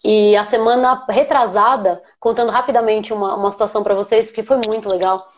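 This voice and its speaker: A woman with a Brazilian Portuguese accent, an aromatherapist hosting a live chat, talking in an animated, emotional way. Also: medium pitch, a little fast, dull audio, slight background noise. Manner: animated, emotional, laughs while telling. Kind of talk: casual live chat storytelling.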